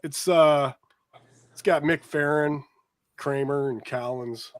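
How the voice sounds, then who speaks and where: A man's voice: a little high, takes it slowly. A man chatting casually with friends, showing off records he picked up, rambling a little with fillers as he goes. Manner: laid-back, rambling, trails off with fillers. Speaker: record collector showing his finds. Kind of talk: casual chat among friends.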